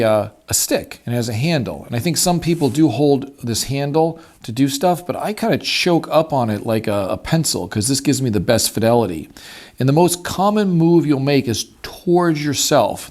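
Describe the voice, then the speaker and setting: A man's voice: medium pitch, animated, normal speed, a little mellow. A man explaining a hands-on technique in an informal, folksy way, like an easygoing instructor. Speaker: hunting instructor demonstrating a turkey call. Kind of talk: casual hands-on tutorial. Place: at a wooden table. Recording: clear background noise, clicking of call.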